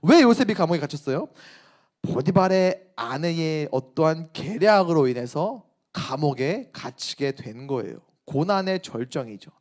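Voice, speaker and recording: A man preaching to a youth group, telling the story in a playful, animated way and putting questions to his listeners. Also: fairly high pitch, normal speed. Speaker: youth pastor. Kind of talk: youth sermon.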